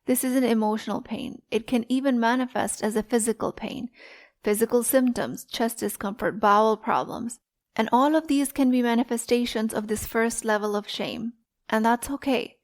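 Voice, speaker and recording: Woman, life coach, calm measured podcast teaching, pitched a bit high. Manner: calm, deliberate, instructive.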